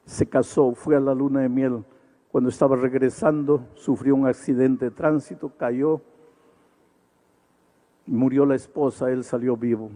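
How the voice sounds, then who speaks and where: A male pastor preaching an evangelistic sermon, telling a story with sudden high emphatic peaks and repetitive lists. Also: fairly even intonation, measured pace, warm tone.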